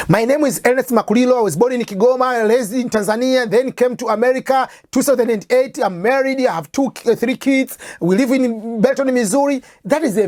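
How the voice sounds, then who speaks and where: A native Swahili speaker from East Africa, this woman has a slightly high, darkish voice and an East African accent. She gives an informal English test-prep lecture as the teacher, restating her points with examples, and the recording is dry.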